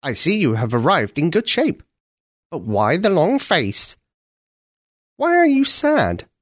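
A man's voice: fairly high pitch, wildly swooping pitch, takes it slowly, dry recording, voice pushed up, full character voice. A boisterous old storybook crow, the bossy senior of the flock, coaxing and eager, as a man reading aloud puts him on. His voice leaps up and down and sits raised above the storyteller's own. The recording is dry and close.

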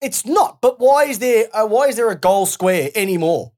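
An Australian woman co-hosting a sports podcast, her pitch leaping up and down as she rants. She talks in a loose, sweary, heated way, piling on blunt complaints. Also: normal speed. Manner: animated, ranting, sweary. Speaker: podcast co-host. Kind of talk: casual sports podcast rant.

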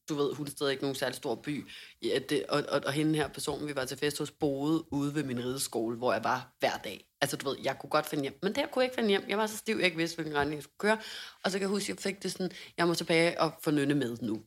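A young woman telling a story in casual podcast chat, animated, with lots of fillers and laughter in her voice. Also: deep voice. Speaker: podcast co-host.

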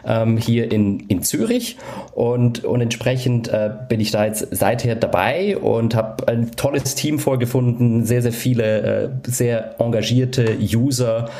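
A man giving casual interview answers as a guest, halting and repeating words as he searches for the next one. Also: mid-range voice, dark tone. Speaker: startup CEO, podcast guest.

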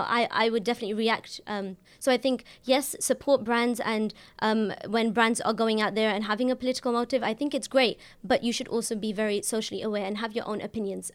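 A woman of twenty-three, a podcast guest, giving her opinion in a conversational, loosely phrased way. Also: mid-range voice. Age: 20s. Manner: conversational, uses fillers like "um" and "you know". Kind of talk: panel discussion.

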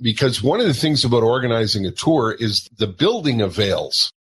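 A man's voice: medium pitch, expressive, normal speed, breathy edge. A middle-aged man telling a self-mocking anecdote as a guest, laughing often. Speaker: guest telling a touring story. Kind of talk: anecdotal storytelling.

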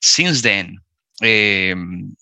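Man in his forties, Colombian Spanish accent, very bright tone, hesitant and full of fillers, dry sound. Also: on the low side, lively intonation, extremely slow, creaky, no echo. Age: 40s. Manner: hesitant, many fillers and restarts. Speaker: guest. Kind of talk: casual interview conversation.

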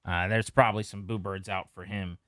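A man co-hosting a casual sports podcast, chatty and relaxed as he runs through stats. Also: deep voice, fairly quick, dry recording, clean studio sound. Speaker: podcast co-host.

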